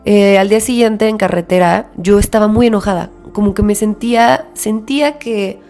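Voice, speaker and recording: A young adult woman with a Mexican accent, casually recounting a spiritual experience and acting out the dialogue, soft music behind her. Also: mid-range voice, normal speed. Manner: reflective, animated retelling with quoted dialogue. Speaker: spiritual podcast host. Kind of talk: casual personal storytelling.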